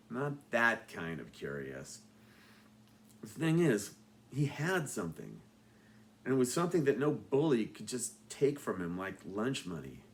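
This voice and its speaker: An author reads his own novel in a mid-pitched male voice. He tells the story with dry, deadpan humor. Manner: wry, deadpan asides. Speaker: author reading his book. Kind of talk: audiobook narration.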